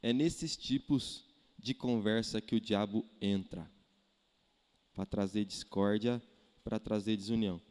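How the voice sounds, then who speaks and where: A Brazilian man preaching a sermon as pastor, animated, firing rhetorical questions and acting out quotes. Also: on the low side, a little slow. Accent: Brazilian Portuguese. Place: church hall. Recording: echoey church hall.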